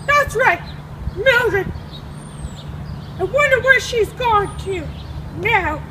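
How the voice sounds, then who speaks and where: A woman's voice: very high voice, lively intonation, drawn-out words, background noise, heavily acted. A woman voicing a cranky old woman chasing a recipe thief, out of breath and exclaiming theatrically outdoors. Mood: huffing.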